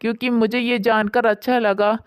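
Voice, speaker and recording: A woman doing a gentle, meek young daughter-in-law in a bedtime storybook, earnest and pleading. The voice is smooth and fairly high, with a dry close sound. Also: little pitch movement, normal speed, no room sound, close to an everyday voice.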